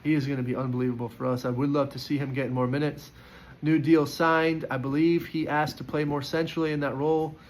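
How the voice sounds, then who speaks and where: A man's voice: a little high, flat delivery, fast talker, few pauses, low-quality recording. A man giving casual, opinionated football player ratings in a chatty way, with frequent fillers and restarts. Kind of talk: casual post-match reaction.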